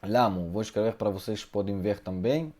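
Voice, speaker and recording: A native Hebrew speaker teaches a live online Hebrew lesson from home and answers questions from viewers. His voice is on the low side and a little mellow, at normal speed, and he hesitates often and tacks on tag questions.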